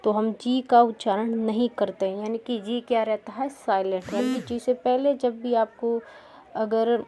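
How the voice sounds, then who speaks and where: A woman explains pronunciation rules at a slow, careful pace. Her voice is fairly high yet mellow and warm. She keeps asking questions and answering them herself. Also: fairly even intonation. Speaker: teacher. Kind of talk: Hindi-language English pronunciation lesson.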